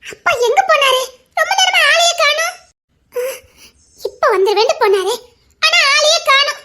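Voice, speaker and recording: Young woman playing an anxious tearful daughter, very high voice, pleading, web drama. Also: animated, normal speed, bright, forceful tone, exaggerated voice. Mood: worried. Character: worried young woman alone, missing her father. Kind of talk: emotional dramatic dialogue.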